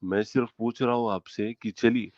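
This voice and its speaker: A man's voice: on the low side, steady tone, darkish tone, no room sound. A man calling into a heated online debate over an internet connection that keeps breaking up, answering insistently and repeating his polite acknowledgments. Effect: breaking-up internet call audio. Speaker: debate caller defending his faith. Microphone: video or voice call. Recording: dull, dry, choppy online call.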